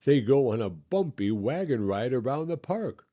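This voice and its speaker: A man reading a children's picture book aloud with expressive, measured storytelling. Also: mid-range voice, narrow, tinny audio.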